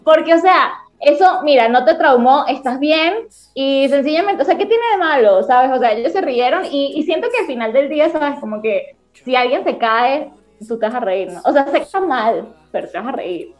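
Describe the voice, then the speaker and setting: A woman's voice: sits high, lively intonation, moderate pace, faint music behind. A woman co-hosting a podcast, chatting casually and teasing her co-host. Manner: teasing interjections.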